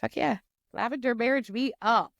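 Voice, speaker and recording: A woman's voice: a little high, creaky, dry recording, muffled recording. Congested woman, blunt podcast co-host, curses freely, stops and restarts, dry mic. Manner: blunt, profane, halting restarts. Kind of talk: casual chat.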